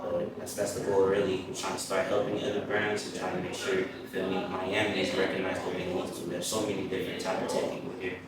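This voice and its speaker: A man's voice: low-pitched, completely flat delivery, quick pace, few pauses, very noisy. A man guest talking casually in an interview, laid-back, often asking "you feel me". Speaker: guest, creative director. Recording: roomy, distant mic, loud crowd behind.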